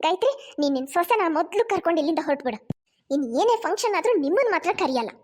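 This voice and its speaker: Haughty middle-aged mother, voiced by a woman, scolding, high, lively voice. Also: quick pace, a little hiss or hum.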